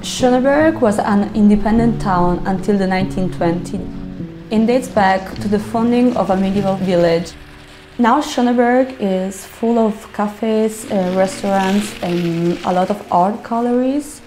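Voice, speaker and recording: A woman from Ukraine who grew up in Italy, speaking as she calmly explains her home as an interior decorator. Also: medium pitch, unhurried, music in the background. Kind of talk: home tour narration.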